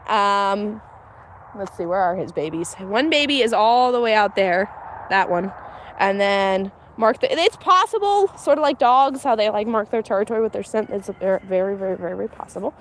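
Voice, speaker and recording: A medium-pitched woman from Pennsylvania, her slight accent mixed with general American, livestreams from her homestead while doing outdoor chores with her cows. Her casual commentary is chatty and candid, punctuated by frequent laughter, with faint outdoor noise in the recording.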